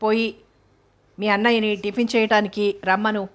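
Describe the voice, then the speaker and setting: ఒక స్త్రీ చదివే కసురుకునే బావ. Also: female voice, medium pitch, little pitch movement, moderate pace, lightly acted. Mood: blunt. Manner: blunt and scolding.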